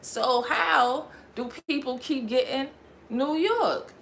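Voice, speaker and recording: A woman's voice: high-pitched, takes it slowly, gravelly, fairly bright tone, slight background noise. A young woman raised in Connecticut, chatting casually on her livestream in a rambling, slangy way and laughing often. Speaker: livestream host.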